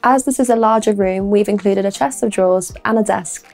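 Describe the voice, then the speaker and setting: Woman presenting a house tour, slightly creaky voice. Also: medium pitch, a little fast, a little mellow, soft background music. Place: indoor rooms of a furnished house. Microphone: lapel mic.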